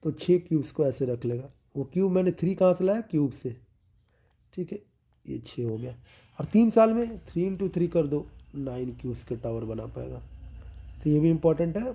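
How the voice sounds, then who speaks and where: A man teaching as a medical exam tutor, explaining milestones with mnemonics and checking in after each point. He slows down and drops his voice to stress key terms. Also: a little high, dark tone.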